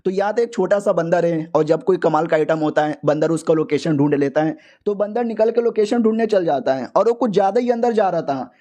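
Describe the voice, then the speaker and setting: A man recapping a comic story in loose, chatty storytelling, full of slang. His voice sits fairly high for a man, with a mellow, soft tone. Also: brisk, few pauses. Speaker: manga explainer.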